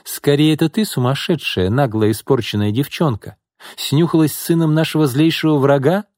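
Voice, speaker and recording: A man's voice: a little high, animated, dry recording, clean studio sound, pitched above the performer's own voice, close to an everyday voice. A man voicing Izolda, a harsh scornful aunt. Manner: scornful, sharp, drawn-out hissing lines. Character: domineering middle-aged woman, harsh aunt. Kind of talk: audiobook character voice.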